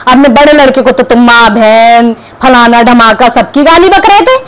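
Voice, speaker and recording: A young woman vlogger talks to the camera in a combative reaction style, scolding and sarcastic. Her voice sits on the high side and moves at a moderate pace, with background noise clearly audible.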